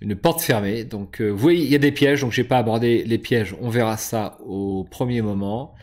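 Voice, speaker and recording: He hosts a board game session for his channel in a lowish, darkish voice at normal speed. Casually going over rules and moves, he hesitates a lot, filling pauses and restarting sentences.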